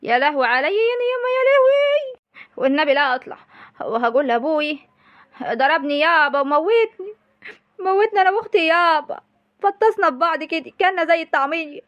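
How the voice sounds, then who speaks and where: A woman's voice: high-pitched, fairly quick, a bit bright, no echo, muffled recording. A woman playing a wailing rural mother. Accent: rural Egyptian. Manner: wailing, lamenting, melodramatic. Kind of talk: comic village sketch.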